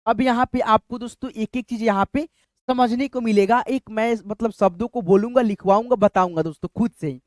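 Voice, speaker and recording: A man's voice: sits high, a little fast, a little mellow, dry recording. A man teaching a step-by-step lesson, repeating "friends" often as he talks the class through each point. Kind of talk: explanatory lesson.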